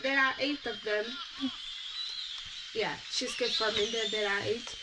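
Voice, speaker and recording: A young Portuguese woman with a fairly high voice talks a bit slowly over heavy background noise. She's a vlogger casually reviewing movies she's seen, her speech full of fillers and restarts, with a Portuguese accent.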